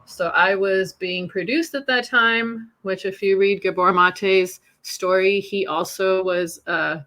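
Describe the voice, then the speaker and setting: A woman's voice: medium pitch, fairly even intonation, takes it slowly, sharp tone. A woman in her forties from Iran, talking candidly and casually, swearing freely and laughing through hard memories. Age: 40s. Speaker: podcast host sharing her story.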